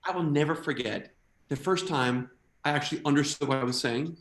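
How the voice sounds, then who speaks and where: An American man performing a stand-up comedy routine, animated, slipping quickly into quoted voices. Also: a little high, reverberant. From United States.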